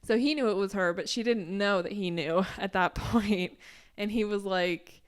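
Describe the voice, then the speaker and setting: A woman co-hosting a podcast talks in a loose, chatty way, full of "like" and soft laughs. Her voice is smooth and clear. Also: medium pitch, moderate pace. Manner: chatty, laughs lightly mid-sentence, uses lots of "like". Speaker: podcast co-host. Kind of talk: casual chat.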